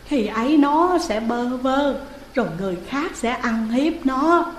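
A woman's voice: medium pitch, animated, a little slow, echoey room, big-room sound, a little hiss or hum, lightly acted. A woman voicing a grieving older village mother who speaks in a tearful, imploring way.

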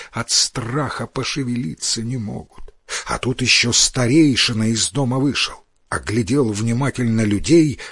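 A man reading a fairy tale aloud in a dramatic, expressive storytelling voice. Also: mid-range voice, husky, no echo, studio quality. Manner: dramatic, lively.

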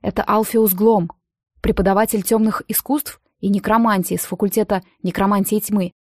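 A woman voicing a chatty, pushy young male student who confides gossip in a hushed tone, in an audiobook. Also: mid-range voice, fairly even intonation, moderate pace, no room sound, studio quality, natural voice. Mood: explaining.

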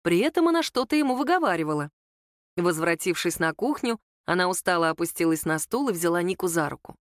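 A woman narrating a story aloud in a steady, intimate manner. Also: on the low side, fairly quick, no room sound, studio quality. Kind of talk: audiobook story reading.

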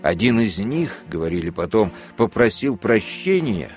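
A man narrating a classic novel as an audiobook in a measured, even reading. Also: fairly low pitch, soft background music. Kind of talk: scripted literary narration.

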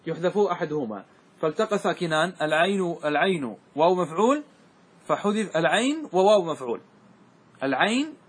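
A man teaching Arabic grammar as a sheikh, walking his class through word forms step by step and asking often whether it is clear. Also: high-pitched. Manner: keeps checking that students follow, asking if it is clear; slows and repeats words to stress their forms.

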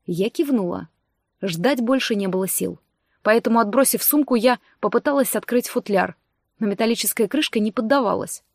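Female audiobook narrator, measured first-person telling, fairly high voice, dry close sound. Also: creaky, a little mellow, dry recording.

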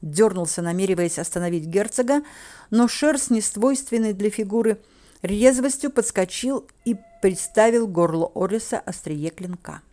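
A woman narrating a first-person fantasy audiobook in an expressive, playful manner. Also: mid-range voice, moderate pace.

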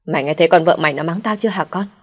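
A woman voicing a spiteful, sick elderly mother-in-law who scolds coarsely, in a low, husky voice. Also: very fast, natural voice. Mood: whining.

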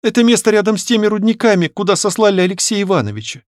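A man's voice: expressive, rapid-fire, dry recording, clean studio sound. Man voicing a tearful young noblewoman. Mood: ashamed. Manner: high pleading voice, near tears.

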